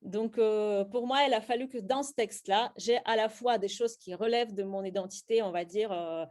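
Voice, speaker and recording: A woman's voice: medium pitch, moderate pace, darkish tone. A middle-aged woman from Russia with a Russian accent, leading a slam poetry workshop and explaining her writing with many hesitant fillers and restarts.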